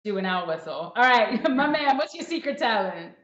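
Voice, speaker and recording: A woman's voice: on the high side, very animated, a bit bright. Chatty woman hosting a livestream. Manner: chatty, playful, fast asides. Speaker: festival livestream host. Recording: roomy, dull lo-fi sound.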